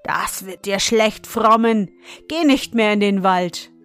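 A wise old man in a fairy tale, grave and unhurried, giving counsel to a young hero, as a woman narrator reads him. His words are slow and weighty. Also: medium pitch, fairly bright tone, clear, resonant tone, soft background music. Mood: warning.

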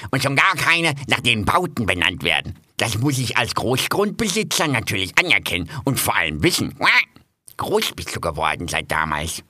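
A man's voice: on the low side, sharp tone, dry recording, exaggerated voice. A man voicing a pompous drake who speaks in stilted, lordly phrases. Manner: pompous, stilted formal speech. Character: pompous male duck, a self-styled aristocrat.

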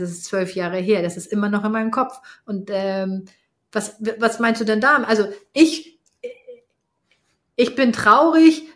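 A woman's voice: mid-range voice, a bit bright. A woman in her forties, co-hosting a casual parenting podcast, thinking aloud with many fillers and restarts. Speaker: podcast co-host.

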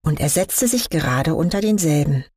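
Brief: woman reading a fairy tale aloud, calm and measured, husky, dry close recording. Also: sits low, dry recording. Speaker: story reader.

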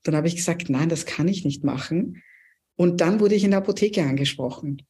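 A woman's voice: fairly low pitch, fairly quick, warm tone. Earnest woman from Pakistan, reflective. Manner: earnest, reflective, many hesitations. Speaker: podcast guest. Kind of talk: interview storytelling.

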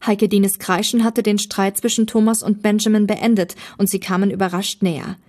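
Woman narrator, expressive storytelling, medium pitch, young adult. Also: moderate pace. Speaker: narrator, author and reader. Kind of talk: storytelling reading.

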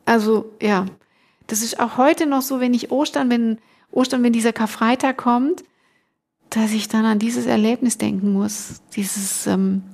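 A woman's voice: fairly high pitch, fairly even intonation, measured pace, vocal fry, a little mellow. A middle-aged woman, a podcast guest, earnestly telling a personal story in casual conversation, emotional and full of restarts.

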